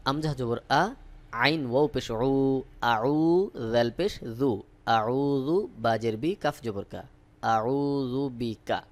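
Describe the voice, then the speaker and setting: With a mid-range voice, this Bangladeshi-accented man, whose mother tongue is Bengali, teaches how to recite Arabic. Each syllable is drawn out slowly, followed by a repetition of the complete word.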